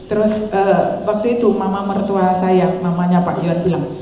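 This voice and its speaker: Woman pastor, middle-aged, chatty testimony sermon, mellow tone; echoey church hall, dull sound. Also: medium pitch, steady tone, moderate pace, slight background noise. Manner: chatty, mixing in Javanese, acting out quoted voices.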